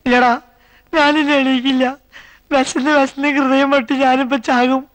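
A man's voice: extremely high pitch, flat delivery, normal speed, fairly bright tone, rough recording. An actor playing a starving man in a film comedy, moaning and whining self-pityingly as if on his deathbed.

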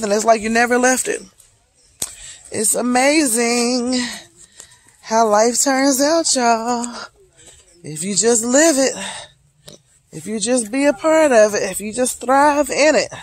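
Nearly 40 and from Charlotte, North Carolina, this woman walks a wooded trail with her phone held at arm's length, vlogging in a talky, reflective, motivational way and calling everyone "y'all." Her voice is a little high, and the recording is dry.

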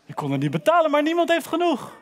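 A man playing a generous but puzzled king who asks loud, astonished questions. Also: very high voice, wildly swooping pitch, fast, in a large hall, voice pushed up, exaggerated voice. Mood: demanding.

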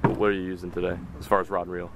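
A young man talks fishing in a loose, rambling vlog manner, often restarting his sentences. His voice sits somewhat low. He is picked up by a camera mic at arm's length, a little distant and buried in loud wind and engine noise. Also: little pitch movement, racing, creaky. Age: young adult. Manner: rambling, self-correcting, chatty. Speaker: vlog host. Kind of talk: casual fishing vlog chat. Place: on a boat outdoors, then inside a car. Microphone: action camera at arm's length.

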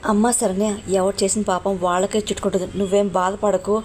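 A woman's voice: medium pitch, little pitch movement, fast, a little mellow, a little hiss or hum, lightly acted. A woman voicing a caring middle-aged mother who soothes her daughter, in a retold family drama. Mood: consoling. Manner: soothing, then suspicious.

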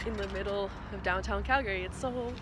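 A young woman, vlogging in casual chat, excitable and teasing, laughing often. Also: mid-range voice, brisk. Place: city tower and downtown streets, indoors and out. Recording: crowd chatter and street noise.

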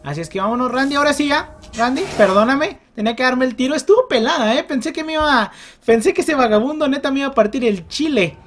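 A man with a Mexican accent commentating a video game he is playing. He is excitable, talks to the characters, and yells and groans when he fails. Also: very high-pitched, quick pace, slight background noise. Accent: Mexican Spanish. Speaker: gameplay commentator. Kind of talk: let's play commentary.

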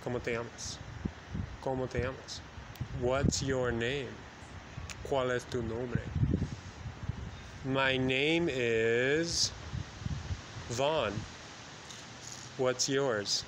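A man in his thirties, from the United States, teaches in a very slow, deliberate way, repeating each phrase for learners. He records on a phone held at arm's length, outdoors at night. Loud wind and street noise roar around him. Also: mid-range voice, fairly even intonation. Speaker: English teacher. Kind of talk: slow bilingual phone-video lesson.

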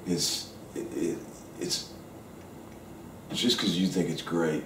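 Deep-voiced man guest, loose and frank, swears casually, recorded from across a roomy kitchen. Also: slow, background noise. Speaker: session guitarist guest. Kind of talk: casual interview talk. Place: kitchen at home, indoors. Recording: roomy kitchen sound from a distant mic.

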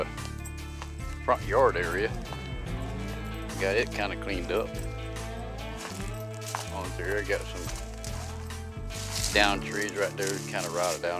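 A man, talking casually and rambling with fillers while filming his homestead outdoors on a handheld phone. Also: deep voice. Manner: relaxed, rambling, drawling talk with many fillers. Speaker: homesteading vlogger. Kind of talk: casual vlog narration. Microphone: handheld phone camera.

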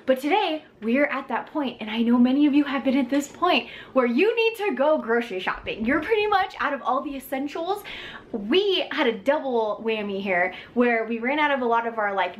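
An American woman in her thirties chatting casually to camera at home, animated and jokey. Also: sits high, slight background noise. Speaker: vlogger and mother. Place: indoors, home kitchen and laundry room. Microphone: camera at arm's length or nearby.

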